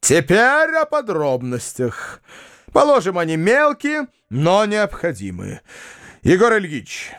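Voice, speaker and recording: A man voicing a pompous, self-righteous male household tyrant in an audiobook, haughty and preachy, his voice turning shrill and shrieking. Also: huge pitch swings, takes it slowly, a bit bright, clean tone, no echo, clean studio sound, heavily acted. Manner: haughty, preachy, bursts into fury. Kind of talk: audiobook character reading.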